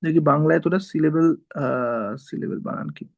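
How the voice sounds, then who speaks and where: Male teacher, informal lecture, gravelly voice pitched a little high, patient step-by-step explainer. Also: a little fast, rough recording. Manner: explains step by step, often checks with "ঠিক আছে?".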